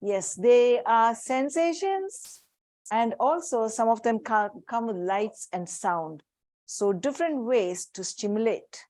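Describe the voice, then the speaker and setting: This is a live workshop for parents, delivered to a room and over Zoom by a woman psychiatrist with an Indian accent who shows objects while explaining. Her fairly high voice has lively intonation and a slow pace, her manner warm and practical, with no echo in the sound.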